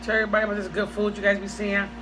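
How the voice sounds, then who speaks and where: A woman's voice: medium pitch, little pitch movement, very fast. A woman chats casually to viewers as a mukbang host, talking while chewing. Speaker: mukbang host and home cook. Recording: clearly noisy room ambience.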